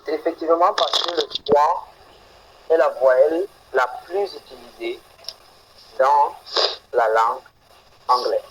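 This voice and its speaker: A man teaching English phonetics in an online class, slowly and repeating example words deliberately. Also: a little high, fairly bright tone, slight background noise, low-quality recording. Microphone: video call.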